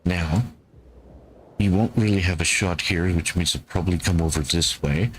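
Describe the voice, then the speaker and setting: Deep-voiced man calmly narrating gameplay. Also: moderate pace, slight background noise. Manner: calm, thinking aloud to his units. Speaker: gameplay streamer. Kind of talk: gameplay commentary.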